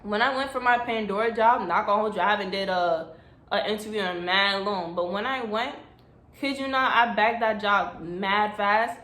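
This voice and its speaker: A young woman vlogger speaks straight into her phone camera with a chatty, blunt manner, giving casual advice. Her mid-range, fairly bright voice moves at a moderate pace and echoes off the walls of the room.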